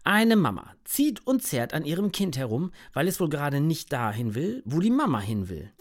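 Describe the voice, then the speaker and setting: A woman's voice: sits low, sing-song, normal speed. A woman narrating a children's story expressively.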